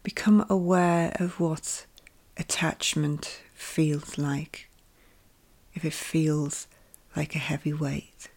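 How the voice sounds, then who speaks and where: A woman leading a guided meditation with calm, gentle instructions, her soft voice often drifting into a whisper. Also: deep voice, slow pace.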